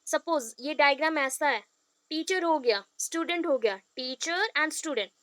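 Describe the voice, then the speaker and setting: A woman's voice: high voice, a little slow, a bit bright, no echo. A woman teacher giving an explanatory lecture, mixing Hindi and English and quizzing listeners with questions. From India.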